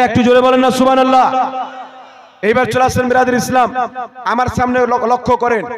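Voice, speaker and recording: Male preacher, very high voice, chanting sermon delivery, audible crowd. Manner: sing-song preaching, calls on the crowd to answer aloud.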